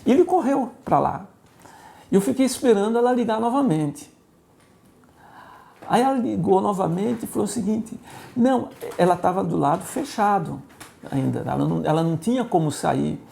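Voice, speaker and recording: A Brazilian-accented male pastor telling a story in an interview, animated and acting out the voices of the people in it. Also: sits high, normal speed, vocal fry. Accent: Brazilian Portuguese. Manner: animated, acts out quoted voices in his stories.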